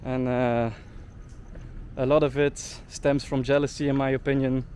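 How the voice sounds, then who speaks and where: With a mid-range, slightly mellow voice at a moderate pace and level tone, a young man delivers an indignant travel-vlog rant heavy with "like" fillers. A little hiss or hum runs under the audio.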